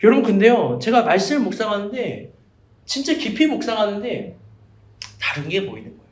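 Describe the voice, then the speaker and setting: A man's voice: sits high, very animated, fairly quick. A man preaching a sermon at a small church, telling jokey stories and asking the congregation questions. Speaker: evangelist pastor. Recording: roomy church echo.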